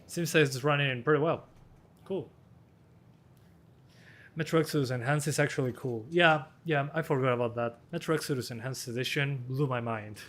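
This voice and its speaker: Slightly hoarse young man streaming casually. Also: medium pitch, normal speed, fairly bright tone. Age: 20s. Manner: casual, offhand, chuckles between answers. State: slightly hoarse, losing his voice. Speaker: PC hardware tester and streamer. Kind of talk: live-stream chat answering viewer questions.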